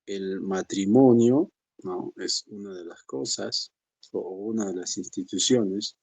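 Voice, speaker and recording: A man's voice: slow pace, darkish tone, breathy edge. A man teaching a church session, speaking conversationally and addressing the congregation as brothers. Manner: acts out believers' excuses in a higher voice. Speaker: pastor.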